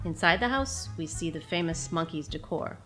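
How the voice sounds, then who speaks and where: A woman's voice: deep voice, lively intonation, normal speed, music in the background. A woman hosting a podcast, reading her own written episode recap with fond enthusiasm. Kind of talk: scripted reading.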